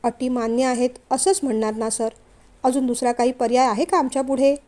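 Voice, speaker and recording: Woman doing a bold frank young office girl, high voice, mellow tone. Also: little pitch movement, a little fast, close to an everyday voice.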